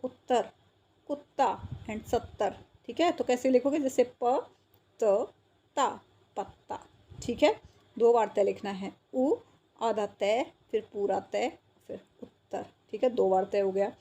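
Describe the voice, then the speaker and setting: A woman's voice: on the high side, measured pace, warm tone, slightly rough. A woman teacher patiently explaining a textbook exercise to young children, repeating words and checking that they follow.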